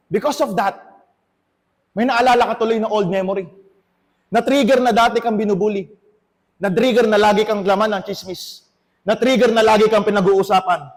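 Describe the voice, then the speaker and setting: A Filipino man preaching a sermon to his congregation, switching between Tagalog and English. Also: high voice. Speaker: pastor. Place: church hall. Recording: long hall reverb.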